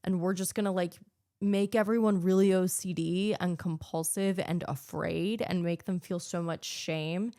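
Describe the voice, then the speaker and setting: A woman's voice: lowish voice, steady tone, moderate pace, mellow, no room sound, studio quality, lightly acted. A woman putting on the voice of cynical, greedy ancient rulers in a mocking, drawling tone.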